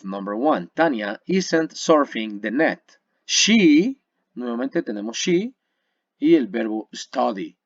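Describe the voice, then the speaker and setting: A man teaching English grammar in a webinar, explaining patiently, checking in with his students often, and slowing down to spell and model words. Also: mid-range voice, dry recording, lo-fi sound.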